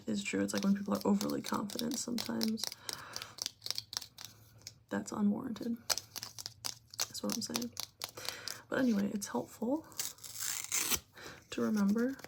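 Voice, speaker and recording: A woman giving a breathy, whispered and very soft-spoken ASMR pep talk, speaking informally and gently to the listener. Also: medium pitch, noisy background. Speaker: ASMR creator giving advice.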